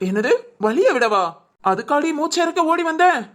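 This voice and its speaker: A woman voicing a rough male henchman in a cartoon drama who jeers and yells at his target. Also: sits high, animated, moderate pace, voice pushed up. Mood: jeering. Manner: jeering, shouting.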